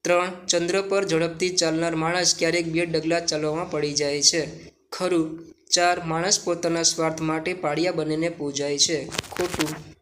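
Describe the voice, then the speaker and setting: Male teacher reading out assignment answers in a steady, monotone delivery, on the high side. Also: normal speed. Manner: steady dictation, question then answer.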